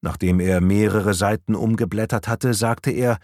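Measured male audiobook narrator. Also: fairly low pitch, steady tone, darkish tone, dry recording, clean studio sound.

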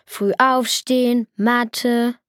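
A woman's voice: fairly high pitch, fairly even intonation, very slow, fairly bright tone, no echo, studio quality. A woman voicing a groaning, school-weary girl in a children's audiobook.

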